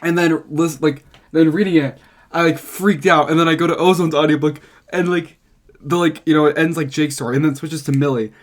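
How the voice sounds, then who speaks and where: A man with a fairly high voice hosting a podcast in easygoing chat. He rambles, circling back on his points with plenty of fillers as he talks them through. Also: fairly even intonation, a little fast. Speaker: podcast host. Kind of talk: casual chat.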